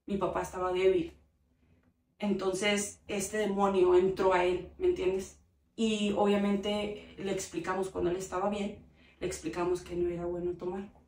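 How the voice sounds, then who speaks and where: A woman's voice: medium pitch, level tone, normal speed, a little mellow. A woman giving a heartfelt personal testimony in an interview, talking earnestly and often turning to the listener. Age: adult. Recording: roomy echo, mic at a distance, faint background hiss.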